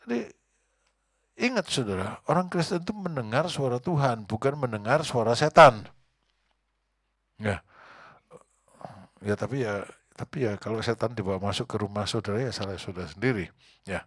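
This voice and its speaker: A man, a pastor, preaching a conversational, animated sermon and asking the congregation questions. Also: on the low side, normal speed, long pauses, dry recording, clean studio sound.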